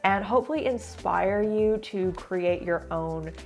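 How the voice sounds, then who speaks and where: A woman's voice: mid-range voice, a little slow, darkish tone, faint music behind. Chatty young woman with a stuffy nose. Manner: chatty, upbeat, fillers like "like". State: stuffy, congested. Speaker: crypto video host. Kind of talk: casual talking-head explainer. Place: home room under construction.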